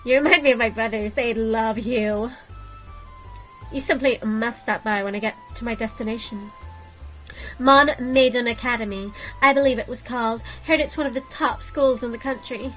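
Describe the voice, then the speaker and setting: A woman's voice: a little high, fairly bright tone, soft background music, lightly acted, low-quality recording. A woman voicing a haughty young mermaid princess who speaks in a pompous, aristocratic way. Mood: delighted. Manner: pompous, drawn-out aristocratic delivery.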